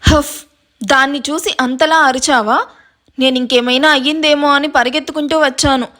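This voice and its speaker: A woman storyteller voicing a brisk, bossy elder sister who scolds. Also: high-pitched, fairly even intonation, a bit bright. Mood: scolding.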